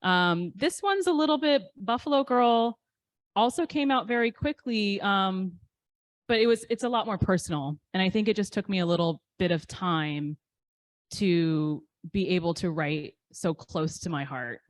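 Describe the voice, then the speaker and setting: Fielding audience questions in a casual interview, a poet in her thirties comes across as candid and self-deprecating, frequently saying um. Her voice is medium-pitched at a moderate pace, and the recording is dry.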